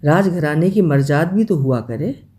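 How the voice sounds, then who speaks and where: A woman's voice: deep voice, expressive, moderate pace, warm tone. A reader doing the queen's discreet, gracious sister. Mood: soothing. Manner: polite, soothing deflection.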